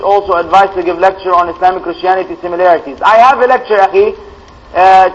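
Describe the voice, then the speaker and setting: A man with a high voice, heard through dull audio, answers viewers' religious questions live as a preacher. Arabic is his first language. He reads each question aloud, replies firmly and repeats key phrases for emphasis.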